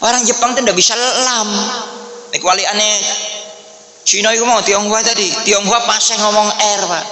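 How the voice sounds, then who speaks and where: A man's voice: sits high, steady tone, moderate pace, pushed and bright, a little hiss or hum. A man with an East Javanese accent giving a humorous religious talk to an audience, chatty and joking, often addressing listeners as "Pak". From Indonesia. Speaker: Islamic preacher. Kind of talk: humorous Islamic study talk. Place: large echoey hall at an office. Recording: echoey hall with faint ambience.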